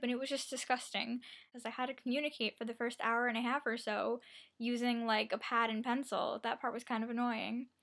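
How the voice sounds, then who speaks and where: A young woman with a fairly high voice talks like a vlogger catching up her viewers. She rambles through her story in a casual, self-deprecating way, slipping into quotes of herself and other people. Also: a bit bright. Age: young adult. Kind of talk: casual chatty personal storytelling.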